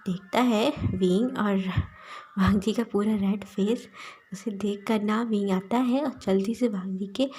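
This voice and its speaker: A woman tells a fan-fiction story in a relaxed, casual way. Her voice is mellow and husky, with a soft, breathy quality and a middle pitch. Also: measured pace.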